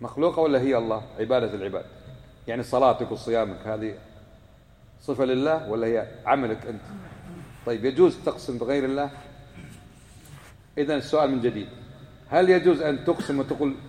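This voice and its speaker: A man's voice: medium pitch, fast, long pauses, a little mellow. A man giving a religious lesson to a live class, quizzing his listeners and repeating key points for emphasis. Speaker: religious teacher. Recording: echoey hall with long reverb.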